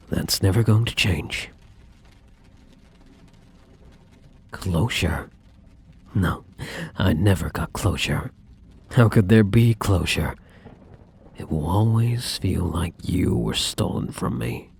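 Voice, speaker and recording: A man playing a possessive, lovesick ex-boyfriend in an ASMR role-play, speaking intensely and defensively to the listener with dramatic pauses. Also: low voice, vocal fry, darkish tone, a little hiss or hum, exaggerated voice. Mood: wounded, lovesick. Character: possessive, obsessive ex-boyfriend, self-justifying and lovesick.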